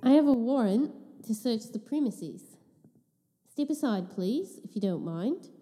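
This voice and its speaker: A woman's voice: a little high, animated, a little slow, mellow, big-room sound, soft background music. A woman voicing a pushy detective with a put-on New Zealand accent, breezy and slangy. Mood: brash.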